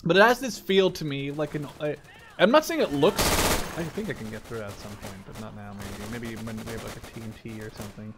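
Over very noisy shooter-game audio full of loud gunfire, artillery and explosions, a medium-pitched man speaks a little quickly. He's a gaming YouTuber whose casual commentary rambles and easily slips off topic.

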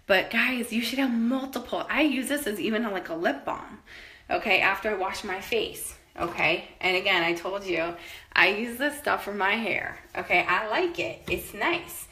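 A woman's voice: medium pitch, pushed and bright. A woman in her thirties giving a rambling, enthusiastic home tour of her products, a little out of breath as she walks around her bathroom, recorded on a phone at arm's length. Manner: chatty, rambling, enthusiastic, many fillers. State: a bit out of breath while moving. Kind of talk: casual chat. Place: home bathroom and closet, indoors. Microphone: phone held at arm's length.

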